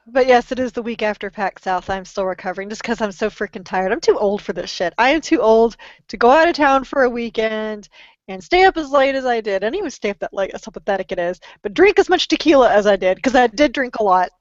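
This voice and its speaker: A woman's voice: fairly high pitch, lively intonation, fast, dry recording. Middle-aged woman, lingering cough, chatty self-mocking storyteller, dry dull podcast sound. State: lingering cough after illness. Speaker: podcast co-host. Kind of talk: casual chat.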